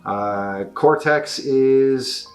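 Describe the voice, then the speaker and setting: Drawing out his words in a mid-range voice, a middle-aged store presenter talks casually and enthusiastically to camera, wandering through a review of new tabletop games. Faint music plays behind him.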